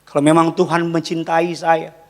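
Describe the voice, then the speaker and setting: A man preaches a Sunday sermon, weaving in lively stories about his family. His voice sits high for a man. A long reverb from the large church hall trails each phrase. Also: moderate pace. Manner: lively storytelling with family anecdotes. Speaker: pastor.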